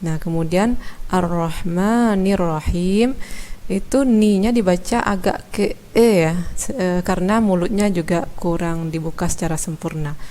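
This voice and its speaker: A woman teaching Quran recitation from Indonesia, explaining letter sounds slowly and demonstrating them. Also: fairly low pitch, dark tone. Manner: slow, measured, demonstrating sounds. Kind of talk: instructional explanation.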